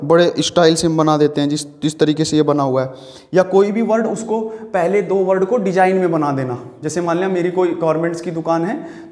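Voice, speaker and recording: Writing on a board as he goes, an Indian-accented vocabulary teacher patiently explains exam words, says each one more than once, and puts questions to the viewer. His voice is fairly high yet dark and mellow, set in an echoey room.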